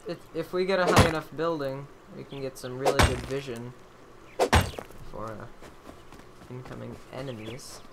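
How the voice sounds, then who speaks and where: A man's voice: medium pitch, fairly even intonation, moderate pace, gravelly, pauses often. Man, casual gaming chat, laid-back and joking, noisy game audio behind. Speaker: channel host, game player.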